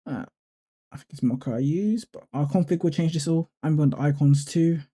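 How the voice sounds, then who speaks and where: Man, deep dark tone, relaxed tutorial narrator who thinks aloud. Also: brisk. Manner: relaxed, thinking aloud with fillers and self-corrections. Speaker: YouTuber walking through a code editor setup. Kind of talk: casual screen-recording tutorial.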